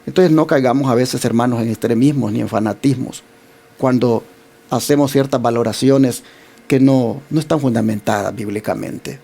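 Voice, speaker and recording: A man's voice: medium pitch, normal speed, vocal fry, dark tone. A male pastor in a mid-range voice leads a Bible lesson. He explains each point and puts rhetorical questions to his listeners.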